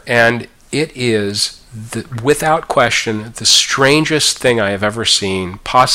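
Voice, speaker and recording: A man with a bright, clear timbre sits at the mic of a chat podcast and spins a long story. He sounds amused throughout, wanders through lots of fillers and restarts, and keeps his pitch at an ordinary middle level. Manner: amused, rambling with many fillers. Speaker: podcast co-host. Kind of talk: casual anecdote telling.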